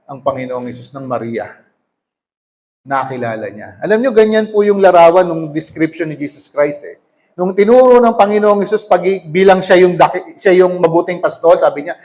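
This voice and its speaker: Male preacher, high voice, reads scripture then explains it plainly, pauses to check in with listeners. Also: a little mellow. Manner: reads verses aloud then explains them, asking "okay?". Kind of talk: sermon reading and explaining scripture.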